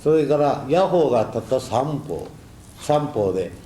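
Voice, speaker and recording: An older man giving a reflective, halting temple talk drawn from his own memories, with folksy asides. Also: medium pitch, lively intonation, mellow. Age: 60s or older. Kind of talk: sermon with personal war recollections. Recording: echoey room, faint background noise.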